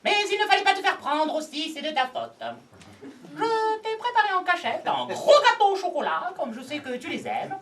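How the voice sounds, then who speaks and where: An actress playing a formal defense lawyer who reads out a letter with declamatory flourish in a stage comedy. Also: female voice, extremely high pitch, big pitch swings, normal speed. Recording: distant stage mic with faint noise.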